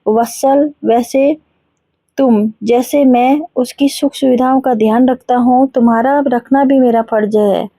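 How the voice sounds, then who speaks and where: In a storybook reading, a woman gives voice to a gentle elderly father-in-law, soft and reassuring. The voice sits a little high and mellow. It is recorded dry and close. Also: fairly even intonation, measured pace, dry recording. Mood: tender.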